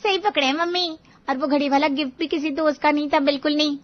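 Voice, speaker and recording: Woman voicing a teasing young sister, high and mocking, dull recording. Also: fairly even intonation, fast, natural voice.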